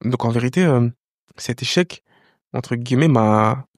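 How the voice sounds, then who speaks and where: A man's voice: mid-range voice, measured pace, no echo, studio quality. A young man, a singer as podcast guest, talking casually in slangy speech and repeating words as he thinks. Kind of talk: casual interview chat.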